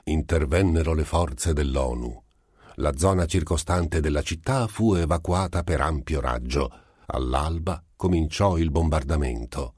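A man reading a literary short story aloud as an audiobook, in a measured, dramatic storytelling manner. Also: very deep voice, darkish tone, husky, no echo, studio quality. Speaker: audiobook reader. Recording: amateur home recording.

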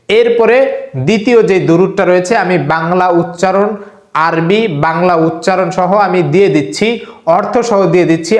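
A male preacher, giving earnest, repetitive religious instruction and slowly demonstrating a remedy. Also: high voice, reverberant. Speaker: Islamic preacher.

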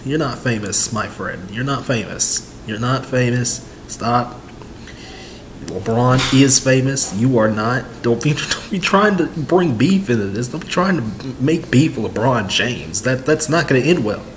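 Speaking at a measured pace, a twenty-something man gives animated, medium-pitched sports commentary for his home vlog. He rambles, leaning on fillers and repeats. The recording comes from a webcam at his desk in a small room, with some slight background noise.

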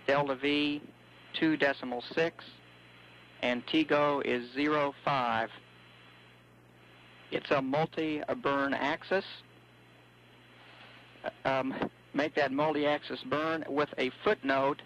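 Male ground communicator over radio; slow, methodical number reading, faint hum behind. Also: fairly high pitch, steady tone, fairly bright tone, highs cut off. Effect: radio transmission sound. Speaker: ground communicator to a spacecraft crew.

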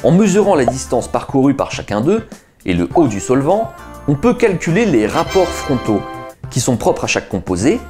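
Lively man explaining a chemistry experiment. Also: mid-range voice, normal speed, music in the background. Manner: lively, enthusiastic teaching tone with chatty asides. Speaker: science video host. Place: small indoor room, seated at a table.

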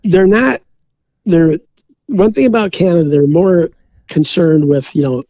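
A Minnesota beer brewer appears as a podcast guest, chatting in an easygoing, rambling way and sprinkling in lots of "you know". His voice is high, darkish in tone and a little slow. The lo-fi recording has no echo.

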